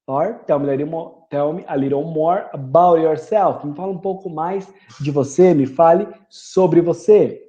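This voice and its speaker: A man in his thirties with a Brazilian Portuguese accent, teaching an online lesson and repeating phrases slowly with many fillers. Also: on the high side, warm tone, muffled recording. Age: 30s. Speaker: English teacher. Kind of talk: online lesson with screen share.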